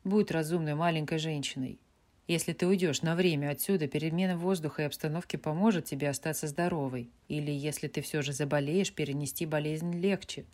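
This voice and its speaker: A kind young man speaks calmly and reassuringly in a fairly low, plain voice, as a woman narrator reads him. It is an audiobook character. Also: brisk, natural voice. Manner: calm, reassuring.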